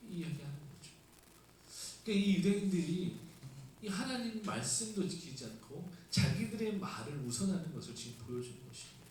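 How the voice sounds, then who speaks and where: A man's voice: high-pitched, expressive, fairly quick, a little mellow. Man preaching in an echoey room. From South Korea. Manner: explanatory, conversational preaching with rhetorical questions. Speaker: pastor. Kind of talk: sermon. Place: church sanctuary. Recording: echoey room, mic at a distance, faint hiss.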